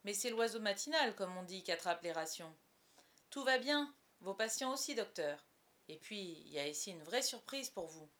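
A woman's voice: mid-range voice, animated, moderate pace, roomy sound, natural voice. Woman doing Long John Silver, a blustering pirate cook. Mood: gruff. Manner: loud, blustering, slangy speech. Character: cunning one-legged pirate cook, middle-aged man, gruff.

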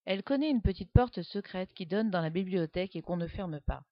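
A woman voicing an excitable young schoolboy who gets carried away by his own story, in a dull, dry recording. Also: fairly low pitch, brisk, no room sound. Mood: lively. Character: excitable young schoolboy writer, dreamy and eager.

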